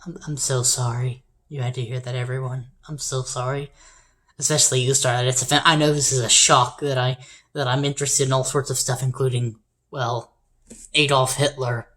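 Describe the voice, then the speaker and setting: A woman's voice: extremely low pitch, flat delivery, normal speed, a bit bright. A woman casually reading out the events of a game simulation, tripping over names and adding sheepish, wry asides. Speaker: game player narrating events.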